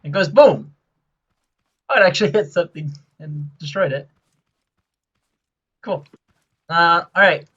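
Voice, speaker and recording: A man giving casual gameplay commentary, rambling and excitable as he explains his build, with many filler sounds. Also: a little high, measured pace, long pauses, husky, muffled recording.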